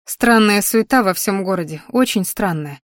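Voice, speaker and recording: A frightened young maid who speaks softly and fearfully, close to tears, as a woman reads her part. Her voice sits at a middling pitch and sounds dry and close. She is timid and loyal. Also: lively intonation, moderate pace, no echo, close to an everyday voice. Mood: frightened, tearful. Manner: soft, frightened, whispering.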